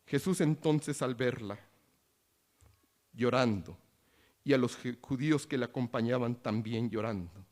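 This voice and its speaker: A man preaching a sermon, reading scripture quietly and rising into loud appeals with questions to the congregation. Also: mid-range voice, a little slow, long pauses. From Latin America.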